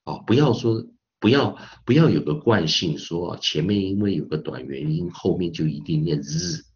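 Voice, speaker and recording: A male English teacher gives an online phonics lesson. He spells words out slowly and fills his talk with little particles. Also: sits low, expressive, muffled recording, slight background noise. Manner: repeats spellings slowly, peppers speech with 啊 and 哦.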